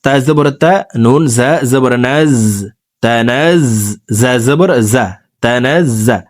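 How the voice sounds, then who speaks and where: Man chanting slow scripture lessons. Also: medium pitch, no echo, clean studio sound. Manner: slow drawn-out chanting between brisk explanations; addresses viewers directly. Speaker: Quran reading teacher. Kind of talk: spelling-out recitation lesson.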